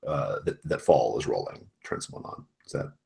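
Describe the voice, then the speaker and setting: A man acting as game master, casually discussing the game in a halting, questioning way. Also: rumbling low, expressive, creaky, dark tone.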